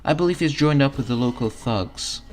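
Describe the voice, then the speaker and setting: A motherly, folksy diner owner in a video game voiced by a man. The pitch is lifted and the manner is kindly. Faint music sits behind the voice. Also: normal speed, lightly acted. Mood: gossipy. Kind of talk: reading video game dialogue aloud.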